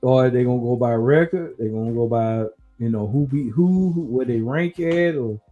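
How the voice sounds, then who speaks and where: A man hosting a casual podcast chat, rambling and thinking out loud as he talks. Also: medium pitch, moderate pace, muffled recording, faint music behind. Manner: relaxed, rambling, talks through his uncertainty. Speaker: podcast host.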